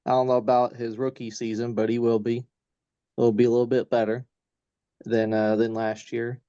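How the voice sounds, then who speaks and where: A man's voice: mid-range voice, level tone, warm tone, clear, resonant tone, dry recording. Hesitant man on dull, dry audio. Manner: halting, many fillers and restarts. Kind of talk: casual podcast chat.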